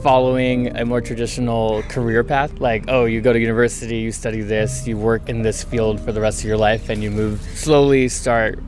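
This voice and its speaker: A man's voice: medium pitch, flat delivery, a little mellow, faint music behind. Thoughtful man in his thirties from San Francisco. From San Francisco, USA. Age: 30s. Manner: thoughtful, measured, with frequent ums. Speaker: interviewee, traveller. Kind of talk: street interview answers.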